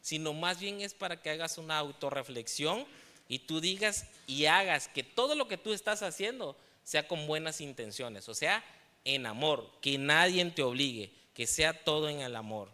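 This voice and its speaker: A man's voice: a little high, lively intonation, moderate pace, long reverb tail. A man with a Mexican Spanish accent preaching a sermon in church, sharing personal testimony and asking the congregation questions. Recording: loud music behind the voice.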